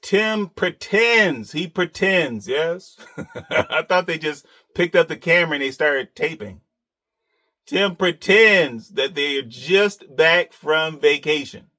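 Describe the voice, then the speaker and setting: A man gives reaction commentary in a crisp, bright tone set a little high. His delivery is sarcastic and needling, punctuated by chuckles at his own digs.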